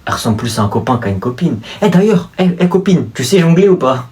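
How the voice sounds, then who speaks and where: A man's voice: fairly high pitch, very animated, fast, a little mellow. A man performing in a comedy sketch, making mocking, slangy asides.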